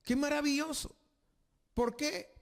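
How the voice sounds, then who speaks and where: Male pastor, high voice, emphatic sermon delivery, long hall reverb. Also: fairly even intonation. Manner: emphatic preaching, slows for reading scripture aloud.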